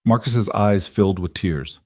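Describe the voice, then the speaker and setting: Low-voiced man narrating a story. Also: unhurried, darkish tone, no echo, studio quality. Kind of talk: scripted audiobook narration.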